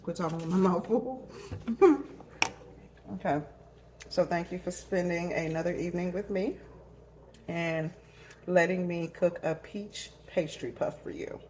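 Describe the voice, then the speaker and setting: A woman's voice: fairly low pitch, measured pace, long pauses, a little mellow, a little hiss or hum. A woman chatting casually in her home cooking vlog, talking straight to her viewers and tasting as she goes. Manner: chatty, addresses viewers as y'all, tastes food on camera.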